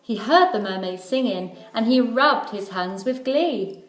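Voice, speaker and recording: A woman reading a children's storybook aloud like a teacher, in measured, rhythmic phrases. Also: on the high side, lively intonation. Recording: echoey room.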